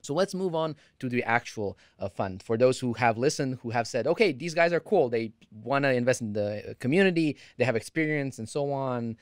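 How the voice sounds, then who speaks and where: A man's voice: mid-range voice, animated, fairly quick, hardly any pauses, no room sound, clean studio sound. A man hosting a podcast interview, asking long conversational questions. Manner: conversational, rambling questions with restarts. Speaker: podcast host.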